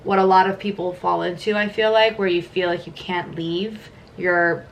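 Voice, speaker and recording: Chatty young woman with vocal fry. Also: fairly low pitch, fairly even intonation, normal speed, a little hiss or hum. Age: 20s. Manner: chatty, many "like" fillers. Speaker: vlogger. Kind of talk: casual vlog chat during a makeup routine.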